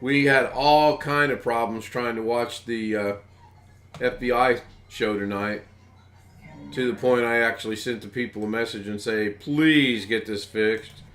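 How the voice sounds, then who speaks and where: A man's voice: mid-range voice, steady tone, moderate pace, a bit bright. A man from the United States hosting a live stream in rambling, casual chat, chuckling as he goes.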